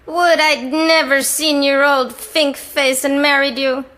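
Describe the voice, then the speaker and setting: A nagging old wizard's wife. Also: female voice, high voice, level tone, takes it slowly, a bit bright. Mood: coaxing, scolding. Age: older. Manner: pleading, then scolding. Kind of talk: audio drama acting.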